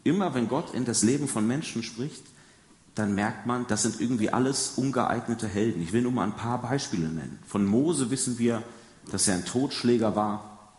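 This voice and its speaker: A man preaching a sermon in a conversational way, asking the congregation questions and dropping to soft, quiet emphasis on key words. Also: medium pitch, normal speed. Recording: echoey hall with long reverb.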